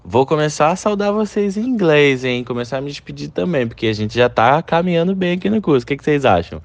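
A man's voice: a little high, expressive, fast talker, no room sound. A young adult man with a Brazilian Portuguese accent teaching an online English lesson, chatty and speaking straight to his students. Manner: upbeat, chatty, addresses students directly.

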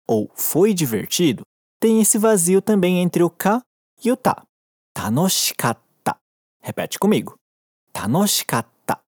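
A woman's voice: on the low side, a little mellow, breathy edge, no echo, studio quality. Encouraging Brazilian woman teaching Japanese. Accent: Brazilian Portuguese. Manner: encouraging, patient, slows down to model phrases. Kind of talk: recorded language lesson.

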